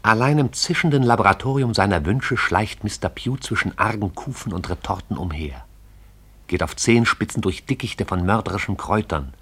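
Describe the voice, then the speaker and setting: In a poetic radio drama, a man narrates lyrically and at a measured pace, lingering on the images as if savouring them. His voice is very deep, somewhat husky, a bit bright, and animated.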